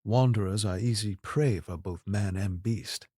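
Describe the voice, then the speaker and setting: An actor in an audio drama playing King Arthur as a troubled, regal and earnest ruler who speaks in formal, measured courtly phrasing. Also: on the low side, warm tone, husky, dry recording, clean studio sound. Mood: measured, reassuring.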